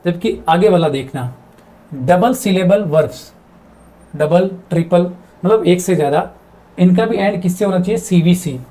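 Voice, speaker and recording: A man's voice: high voice, a little slow, warm tone. A man teaching English grammar in a video lesson, repeating words and asking himself questions as he explains. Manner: mixes English terms into his explanations.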